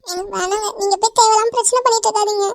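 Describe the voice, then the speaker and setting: A performer voicing a distraught middle-aged mother in an animated cartoon, pleading through tears. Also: extremely high pitch, racing, no room sound, clean studio sound. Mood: tearful pleading. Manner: pleading, sobbing.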